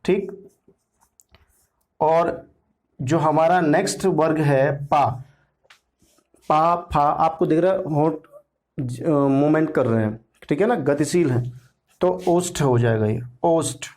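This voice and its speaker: A man teaching an exam-prep grammar lesson, speaking slowly and deliberately, repeating syllables aloud to demonstrate their sounds and often checking in with the listener. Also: high voice, a little mellow. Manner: keeps checking with "theek hai na".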